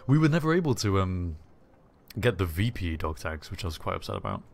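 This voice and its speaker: A man's voice: sits low, sing-song, creaky. A British man hosting a live game stream, chatting casually and joking around. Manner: jokey, quick to laugh. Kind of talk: casual live-stream chat while playing.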